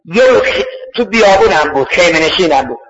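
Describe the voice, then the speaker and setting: A man preaching a sermon through stories, in an animated way, acting out the voices of the people in them. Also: high voice. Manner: animated, acts out voices in the story. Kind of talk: storytelling sermon. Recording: echoey, dull lo-fi recording.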